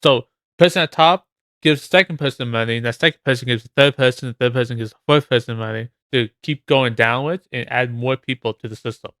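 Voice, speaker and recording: Bright, crisp-voiced man reacting bluntly. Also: medium pitch, fast, dry recording. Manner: blunt, skeptical, repeats phrases. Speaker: reaction video host. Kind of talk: casual off-the-cuff commentary.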